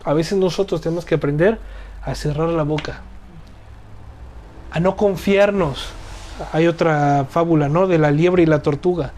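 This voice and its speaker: An earnest Bible study teacher reads scripture and explains it to a small group. The speaker often repeats key phrases and tags points with rhetorical questions, at an even, moderate pitch. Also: measured pace, long pauses, slight background noise.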